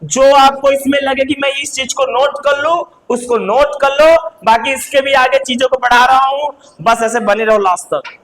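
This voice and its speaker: A young man teaching a class of children, speaking loudly, calling on students and slowly repeating sounds. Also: very high voice, fairly even intonation, in a large hall, rough recording. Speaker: English teacher.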